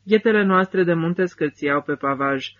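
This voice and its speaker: A man reading a first-person literary novel as an audiobook narrator, with measured, steady phrasing. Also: a little high, highs cut off.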